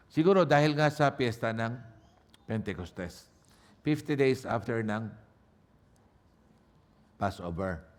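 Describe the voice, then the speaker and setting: A male pastor delivers a sermon at a church service, carrying the accent of Nueva Ecija in the Philippines. His voice sits at an ordinary middle pitch. He swings from loud, emphatic preaching to soft, joking asides. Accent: Nueva Ecija Filipino. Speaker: guest pastor.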